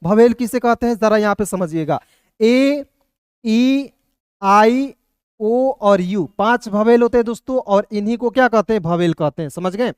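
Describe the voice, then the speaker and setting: A man teaching a video lesson, explaining patiently step by step, often asking his viewers a quick question and then answering it himself. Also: sits high, darkish tone, smooth, no room sound, studio quality. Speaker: English teacher.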